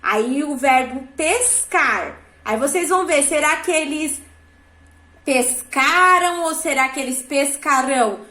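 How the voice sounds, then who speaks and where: A woman's voice: high voice, unhurried, few pauses, fairly bright tone, roomy sound. A woman teacher with a Brazilian Portuguese accent explains an assignment to her class patiently, often checking that the students follow along. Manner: patient, checks understanding with frequent tag questions. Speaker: schoolteacher. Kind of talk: classroom instruction.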